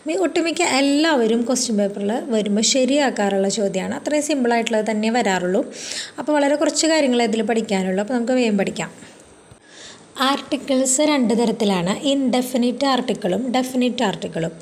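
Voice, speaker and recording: This is a woman leading a grammar class for exam students. Her voice sits a little high, and she moves patiently through each point, piling up examples and checking in often with tag questions. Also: lively intonation, fast, darkish tone. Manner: patient, explains step by step with many examples; frequent fillers and tag questions. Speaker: exam coaching teacher. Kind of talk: English grammar lesson explained in Malayalam.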